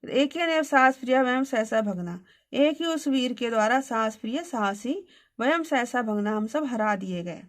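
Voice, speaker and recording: Woman Sanskrit tutor, higher voice, reads verses aloud, then explains each line. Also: expressive, moderate pace. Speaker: Sanskrit teacher.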